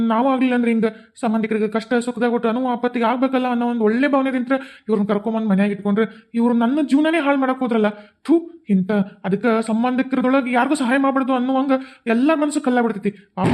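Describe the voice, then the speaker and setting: A woman's voice: fairly high pitch, warm tone, close to an everyday voice. A woman voicing a remorseful, pleading grandmother in a cartoon, with a North Karnataka accent and emotional delivery. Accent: North Karnataka Kannada. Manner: fast, emotional. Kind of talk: cartoon voice acting.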